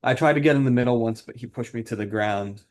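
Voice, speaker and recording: A man's voice: medium pitch, fast, close to an everyday voice. Plain-spoken, defensive husband, played by a man. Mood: subdued, reflective. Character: frustrated, defensive husband who drinks, admits anger issues. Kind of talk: counselling role-play.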